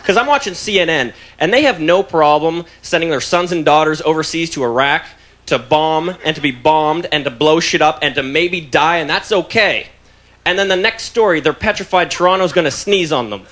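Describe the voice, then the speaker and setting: A young man doing a loud, mocking stand-up comedy set on a stage mic. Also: on the high side, moderate pace. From Canada. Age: young adult. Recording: live club with loud crowd laughter.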